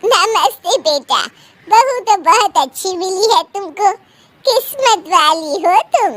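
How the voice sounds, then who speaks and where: A woman's voice: extremely high pitch, expressive, takes it slowly, a bit bright, dry recording, exaggerated voice. A woman doing a gushing lady friend. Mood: admiring. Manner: effusive, full of praise. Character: chatty female friend at a ladies' party.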